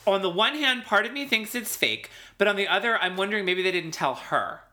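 Animated woman podcast co-host. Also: medium pitch, fairly quick. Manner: animated, playful, restarts often. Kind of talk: casual recap chat.

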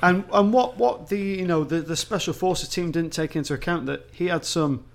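A man's voice: high-pitched, normal speed, vocal fry. A man with a northern English accent, co-hosting a podcast in casual, joking, rambling chat. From northern England. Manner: joking, rambling, often laughing. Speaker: podcast co-host.

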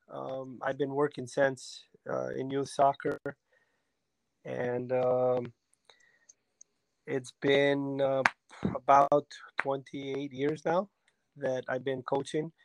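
A man in his forties from Albania, a soccer technical director, telling his story in a relaxed interview with plenty of ums and restarts. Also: medium pitch, slow pace, vocal fry, pauses often, no room sound, rough recording. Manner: hesitant, many ums and restarts. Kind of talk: casual interview talk.

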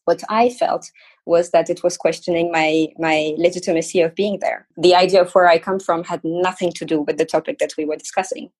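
Husky, earnest French-born woman. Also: lowish voice, a little mellow, rough recording. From France. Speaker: think tank office head. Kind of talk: panel discussion.

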